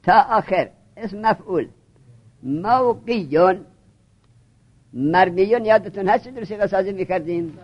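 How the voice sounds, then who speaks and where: A man with a high voice leads a grammar class, firing questions and making his students repeat each step. He pushes them to reason it out. The recording sounds dull and lo-fi. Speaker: teacher.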